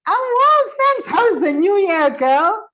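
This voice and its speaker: A woman with a high, bright voice hosts a talk show with lots of energy. She hypes up her guest and calls out directly to the viewers. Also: slow, low-quality recording. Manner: lively, hyped, addresses viewers directly. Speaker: show host.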